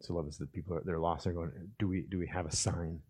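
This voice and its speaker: A male pastor preaching a sermon, swinging between loud, fervent stretches and hushed, drawn-out emphasis, and acting out the voices of biblical figures as he retells the story. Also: low-pitched, fairly even intonation, slightly rough.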